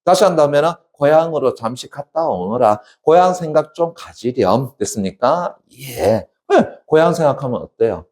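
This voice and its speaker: A man's voice: very animated, normal speed, hardly any pauses, a little mellow. A male academy teacher giving an exam-prep literature lecture, constantly asking check questions and answering them himself. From South Korea. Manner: acts out poem lines with sudden high dramatic dialect.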